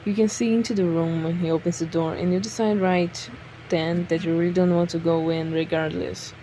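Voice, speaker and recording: A woman's voice: on the low side, steady tone, fairly quick, warm tone, slight background noise, low-quality recording. A woman reading a visual novel aloud, breaking off with joking asides. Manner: reads narration, breaks off to joke and laugh. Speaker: game streamer. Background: game music.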